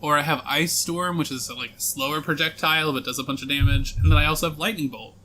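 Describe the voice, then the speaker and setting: A man co-hosting a casual podcast, his voice sitting a little high with a bright, forceful edge. He talks in quick, jokey banter and teases his partner. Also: a little hiss or hum. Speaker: podcast co-host.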